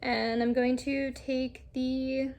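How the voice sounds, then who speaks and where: A woman's voice: sits high, little pitch movement, slow pace, a little mellow. A young woman chatting casually through a makeup try-on, rambling with lots of fillers. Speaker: beauty vlogger.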